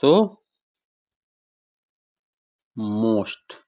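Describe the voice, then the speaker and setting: Man, teacher, unhurried delivery, asks the class questions, reads English slowly then explains in Hindi. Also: fairly low pitch, big pitch swings, warm tone, lo-fi sound. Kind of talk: explaining an English grammar lesson.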